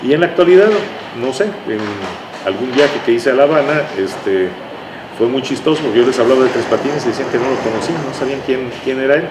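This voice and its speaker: An older man with a Mexican accent reminisces in conversation as an interview guest, his voice mid-range. He explains things haltingly and keeps checking that the listener agrees. The room is echoey, with clearly audible background noise.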